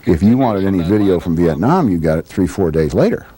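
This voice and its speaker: A man in his sixties, a retired news anchor, looking back on his career in a relaxed interview and chuckling easily. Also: low voice, fairly quick. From United States. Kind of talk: reflective interview recollection. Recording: faint music underneath.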